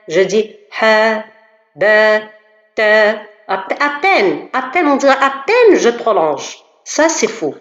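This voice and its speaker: Slow, patient woman teaching pronunciation. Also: medium pitch. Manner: slow, careful, demonstrates sounds, repeats syllables. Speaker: tajweed teacher. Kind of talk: pronunciation lesson. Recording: echoey, dull lo-fi room recording.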